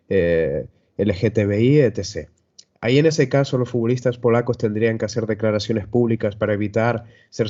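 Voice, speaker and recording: A man's voice: on the low side, dark tone. A man on a debate panel who talks steadily and raises points in an argumentative way. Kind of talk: debate talk. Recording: dull lo-fi audio.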